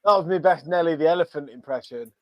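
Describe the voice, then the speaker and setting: A man co-hosting a casual pub chat podcast, excitedly guessing answers and swearing at misses. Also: on the high side, fast, muffled recording. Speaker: podcast co-host.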